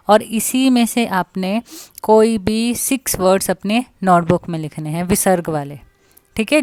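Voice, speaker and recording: A woman's voice: mid-range voice, a little mellow, dry recording. Patient woman teacher in a dry booth. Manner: patient, repeats and checks understanding with children; slows down to sound out words carefully. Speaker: primary school teacher. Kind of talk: online class lesson.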